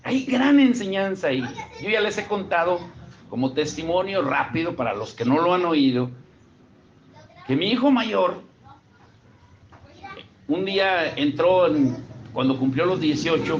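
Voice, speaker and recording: A man's voice: a little high, expressive, measured pace, highs cut off, a little hiss or hum. A middle-aged man with a Mexican accent, a pastor giving a conversational sermon and asking his congregation questions. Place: church service.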